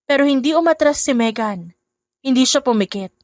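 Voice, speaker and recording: A woman narrates a family drama in an even, descriptive storytelling manner. Her voice sits a little high and sounds close-miked and dry. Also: normal speed, no room sound.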